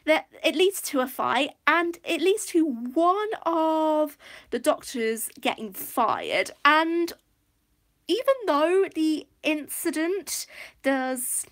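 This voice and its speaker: Woman, high voice, from Wales, livestream host, casual rambling chat, lots of ums and restarts. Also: animated, takes it slowly, fairly bright tone. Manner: rambling, distracted, many fillers and restarts. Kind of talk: casual live review chat.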